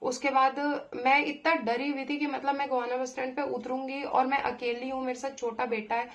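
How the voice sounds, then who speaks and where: A young woman, telling a personal story in a chatty way, with pauses and fillers. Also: high voice, flat delivery. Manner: chatty, with many pauses and fillers, acting out her own angry replies. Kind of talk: casual storytelling.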